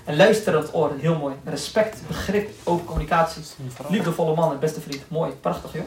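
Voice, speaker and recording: Fast-talking man lecturing in an echoey hall. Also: on the high side, a little mellow. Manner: quick-talking, joking, acts out people in stories. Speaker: Islamic lecturer. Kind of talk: lively classroom lecture with anecdotes. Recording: echoey room, voice from a distance, faint noise.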